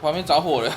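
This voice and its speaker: A man's voice: medium pitch, a bit bright. A man giving casual, playful gameplay commentary as a streamer, full of exclamations. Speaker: game streamer. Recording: game ambience noise behind voice.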